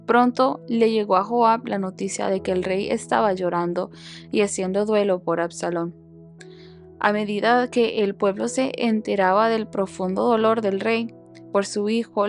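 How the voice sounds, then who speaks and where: A woman reading a Bible passage aloud for a podcast in a steady, measured storytelling voice. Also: medium pitch, faint music behind. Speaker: Bible reader, podcast host.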